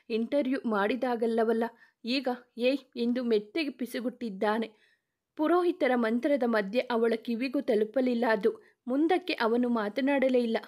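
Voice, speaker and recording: Woman narrating a romance story. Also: on the high side. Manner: steady storytelling read.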